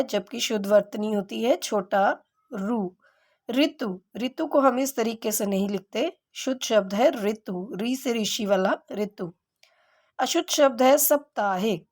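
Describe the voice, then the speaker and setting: Female teacher, slightly high voice, slow deliberate grammar lesson for kids. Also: darkish tone. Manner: slow, explanatory, asks and answers own questions.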